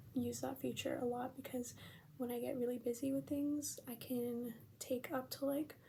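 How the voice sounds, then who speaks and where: A young American woman does an ASMR role-play as a friendly librarian at checkout, speaking gently and unhurriedly in a soft-spoken, breathy, near-soft voice on the high side. Faint background noise is audible.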